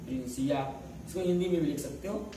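A man's voice: on the high side, fast talker, dark tone. A man teaching a school science lesson in a classroom. He repeatedly asks questions and answers them himself, drilling each key term. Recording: very echoey room, voice far off, faint hiss.

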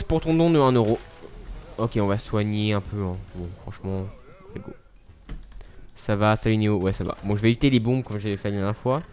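A young man live-streaming a video game, chatting casually, mocking himself and thanking viewers as he plays. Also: mid-range voice.

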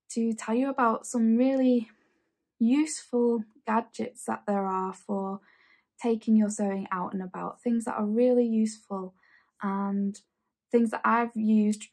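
Chatty woman with a breathy voice. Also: mid-range voice, darkish tone. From England. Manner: chatty, enthusiastic, repeats phrases. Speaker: sewing channel host. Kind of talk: casual tutorial. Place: home sewing room, indoors.

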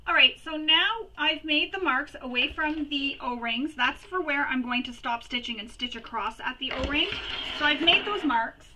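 A woman hosting a sewing tutorial, giving practical step-by-step instructions and pausing while she works. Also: high-pitched, bright, forceful tone, distant mic, low-quality recording. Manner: chatty and practical, pauses while working.

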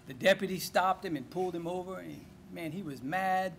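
A man's voice: sits high, gravelly, slight background noise. A man with a Cajun accent from South Louisiana, telling folksy comic stories to a live audience. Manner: lively, folksy joke-telling with drawn-out punchlines. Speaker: humorist.

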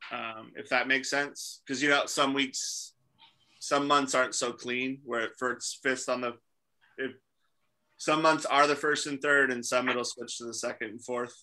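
A man in his thirties on a video call, talking casually as ministry staff host, halting with many fillers. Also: mid-range voice, steady tone, sharp tone, low-quality recording. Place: small room indoors.

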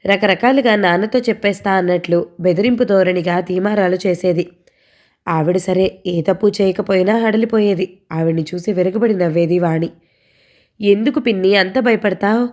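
A woman narrating a first-person audio story in a steady, measured storytelling voice. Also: lowish voice.

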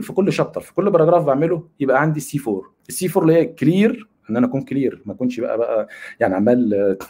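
A man's voice: medium pitch, mellow, breathy edge. A middle-aged man with an Egyptian accent giving a casual webinar lecture, rambling and mixing in English terms. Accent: Egyptian Arabic. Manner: rambling, mixes English terms into colloquial speech.

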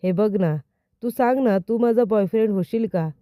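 A woman's voice: mid-range voice, moderate pace, mellow, no echo, lightly acted. A woman voicing a distraught, volatile young woman who pleads and questions in a dry, close recording, reading her lines in a recap.

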